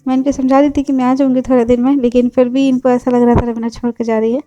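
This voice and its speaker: A woman's voice: high voice, little pitch movement, quick pace, mellow, dry recording, dull audio. A young woman from Bihar narrating a casual travel vlog in a chatty, repetitive way full of fillers. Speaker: vlogger.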